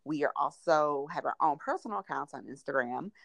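A woman's voice: sits low, expressive, fairly quick, gravelly, a bit bright, dry recording. A woman hosting a casual podcast, frank and colloquial with emphatic delivery. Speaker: podcast host.

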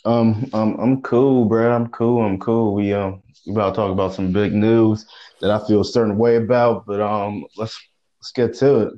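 A man co-hosting a sports podcast over a phone line, talking casually with halting restarts and slang. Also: fairly low pitch, flat delivery, dark tone. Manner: halting, repeats words, slangy. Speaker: podcast co-host.

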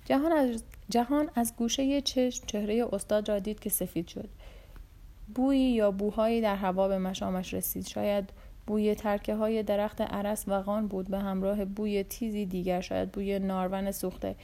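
A woman reading a historical novel aloud in a steady, calm storytelling manner. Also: medium pitch. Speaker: audiobook narrator. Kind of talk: scripted narration.

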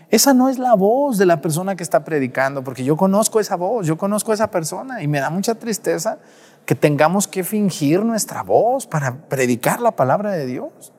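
A man's voice: medium pitch, a little mellow, long reverb tail. A man preaching a sermon at mass, scolding the congregation directly with rhetorical questions. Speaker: priest. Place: church.

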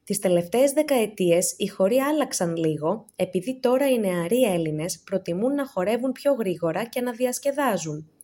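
A woman voicing a chatty Greek grandmother of about ninety, reminiscing in a raised, lively reading voice. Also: medium pitch, hardly any pauses, natural voice.

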